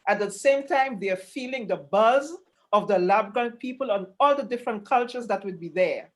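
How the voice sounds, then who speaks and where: A woman explaining her work conversationally on an online panel, halting at times and repeating words for emphasis. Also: a little high, lively intonation. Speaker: panelist presenting a rural tourism programme. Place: online video call.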